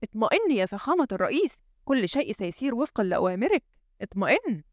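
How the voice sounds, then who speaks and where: A woman's voice: sing-song, rapid-fire, no room sound, clean studio sound. A woman voicing a loyal, anxious male chief usher who speaks deferentially and with worry in an audiobook reading. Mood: firm. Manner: worried and deferential, lifts to a higher voice.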